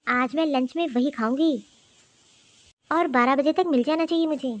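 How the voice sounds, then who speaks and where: A woman's voice: high-pitched, moderate pace, natural voice. A woman voicing a spoiled, lazy young daughter-in-law in a cartoon, with a haughty, demanding way of talking. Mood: bossy. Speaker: voice actor. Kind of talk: cartoon voice acting.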